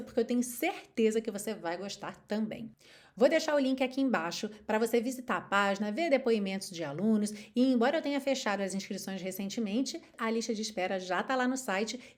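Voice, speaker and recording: A Brazilian woman in her thirties teaching an English lesson through a song, expressive and lively, singing short lines to demonstrate pronunciation. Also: a little high.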